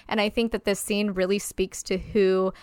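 Woman co-host, casual film talk, animated and blunt, clean resonant voice, dry. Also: mid-range voice, moderate pace, smooth, no echo. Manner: animated, quotes characters in mocking voices, swears freely.

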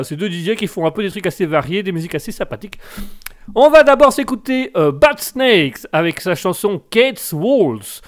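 A man with a fairly high voice hosts a live call-in radio show. He greets his listeners in a formal, announcer-like way and rambles through his sentences, often restarting them. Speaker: web radio host.

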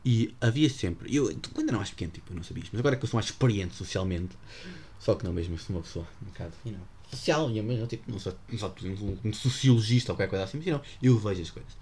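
A man's voice: lowish voice, lively intonation, rapid-fire, a little mellow, slight background noise. A young man in his teens with a European Portuguese accent, rambling jokily through a solo podcast and sprinkling in English slang. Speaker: podcast host. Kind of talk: casual solo podcast monologue.

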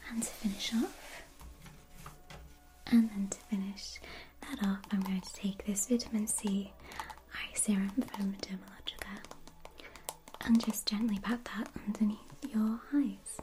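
Female, soft spa whisper for a whispered role-play as an attentive therapist; dark, relaxed tone. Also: medium pitch, a little slow, pauses often, a little hiss or hum, rough recording.

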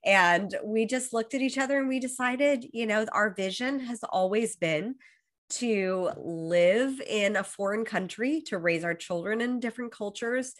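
A woman with a fairly high voice talks at a measured pace. She's a Los Angeles, USA, high performance coach in her thirties with an American accent, speaking as a guest in a casual interview while getting over a cold. Her delivery is fluent and upbeat, with frequent restarted phrases.

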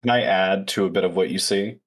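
A man's voice: low voice, brisk, husky. A man playing a tabletop game, stating his actions in a terse, matter-of-fact way. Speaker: player. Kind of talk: casual tabletop play.

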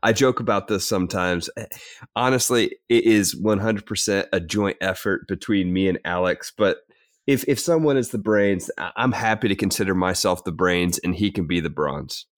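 A man's voice: sits low, normal speed, no room sound, clean studio sound. A man in his thirties from the United States, chatting casually as a podcast guest. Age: 30s. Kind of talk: casual chat.

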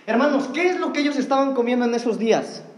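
A man's voice: very high-pitched, fast talker, slight background noise. A man preaching an earnest sermon, addressing the congregation as brothers.

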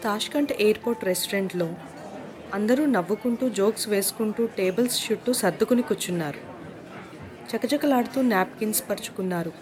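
A woman narrating a novel as an audiobook, telling the story in a lively way. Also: medium pitch, a little fast, over music, crowd noise.

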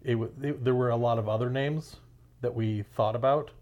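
A man co-hosting a podcast, trading dry, deadpan jokes in casual banter. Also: medium pitch, fairly quick, highs cut off. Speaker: podcast co-host.

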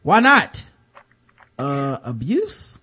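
Reading news stories on his casual podcast, a light-voiced male host interrupts himself with wry sarcasm between passages. His fairly high voice swings hugely in pitch, draws out words, and sounds sharp with a breathy edge.

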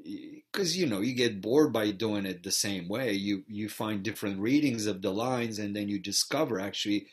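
A middle-aged Bulgarian actor and theater teacher gives a reflective interview, his low, slightly rough voice moving at a moderate pace with hardly any pauses. He often repeats words as he restarts his thoughts.

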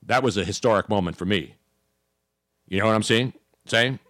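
A man's voice: on the low side, moderate pace, fairly bright tone, no echo, studio quality. A man in his sixties or older hosting casual sports talk in a joking, emphatic way. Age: 60s or older. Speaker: talk show host.

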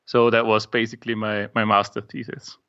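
A man's voice: lowish voice, level tone, a little fast, pushed and bright, muffled recording. A young man with an Austrian accent, a native German speaker, hesitantly describing his app in an interview over a call from his home office. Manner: hesitant, many ums. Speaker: guest, app maker. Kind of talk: casual interview. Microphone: remote call.

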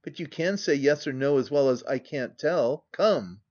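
A man voicing a brutal, drunken, bullying gentleman who barks out commands, heard on a dull, lo-fi recording. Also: fairly high pitch, moderate pace, close to an everyday voice. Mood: raging. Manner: loud, harsh, barking commands.

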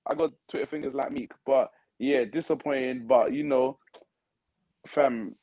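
A man's voice: mid-range voice, steady tone, measured pace, narrow, tinny audio. A man with a London accent in casual football banter as a fan guest, slangy and laddish, protesting with fam and bruv.

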